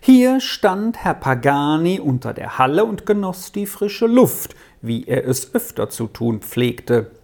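A woman narrating a story aloud with an expressive reading style. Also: low voice, takes it slowly, vocal fry, hardly any pauses.

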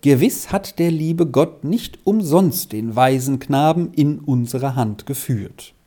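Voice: medium pitch, slow, warm tone. A reader voicing an anxious, sighing mother in a storybook reading. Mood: worried. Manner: sighing, fretful. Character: worried mother, gentle and anxious.

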